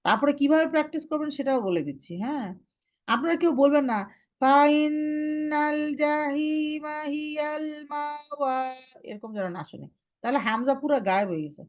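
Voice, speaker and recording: Young woman, recitation teacher, slightly high-pitched, firm, instructive, slow demonstrations. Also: expressive. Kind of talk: online class instruction.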